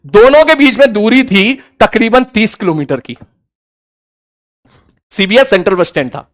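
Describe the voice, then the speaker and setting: A man with a rather high voice tells a story from his college days in a casual, lively way. He slips into the voices of the people he describes. He sounds like he is in his thirties. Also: moderate pace, no room sound. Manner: animated storyteller acting out dialogue. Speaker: teacher telling a college story.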